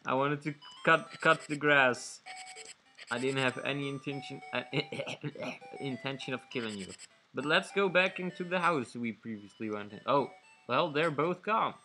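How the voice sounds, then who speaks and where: Slow, rambling let's-play man. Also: mid-range voice, sharp tone. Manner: rambling, self-correcting, giggly asides. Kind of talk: casual game commentary.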